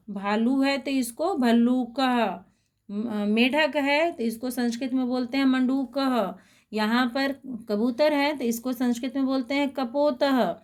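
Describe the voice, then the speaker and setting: Woman teacher, higher-pitched voice, slow patient pace, repeats each word, lesson for children. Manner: patient, spells out words slowly and repeats them. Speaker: Sanskrit teacher. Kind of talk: slow explanatory lesson for schoolchildren.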